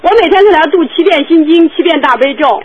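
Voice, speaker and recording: A woman's voice: high-pitched, fast. A woman calling in to a radio advice show, earnest and pleading as she asks her questions. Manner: earnest, pleading, eager to please. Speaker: radio call-in caller. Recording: muffled phone line.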